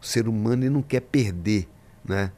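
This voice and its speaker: A man's voice: lowish voice, fairly quick, mellow. A man, a pastor, talking in a podcast interview, preaching-style and emphatic, acting out the voices in his stories.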